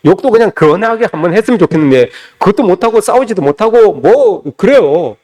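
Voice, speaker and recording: A male pastor delivers an emphatic sermon in a fairly high voice that rises and falls with lively swings. He repeats his points and keeps turning to the congregation with rhetorical questions. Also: brisk. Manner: emphatic preaching, repeats phrases, addresses listeners as "여러분".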